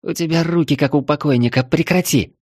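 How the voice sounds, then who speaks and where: A man's voice: fairly high pitch, brisk, no room sound, studio quality, pitched above the performer's own voice, natural voice. A male reader voicing a frightened young woman from the capital, anxious and pleading. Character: frightened young Moscow woman on a river trip.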